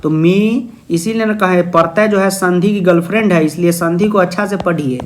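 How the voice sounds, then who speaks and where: High-voiced playful Sanskrit tutor. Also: male voice, normal speed, a little hiss or hum. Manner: playful, jokey, asks questions then answers in a student's voice. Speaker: Sanskrit teacher. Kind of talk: exam-prep video lesson.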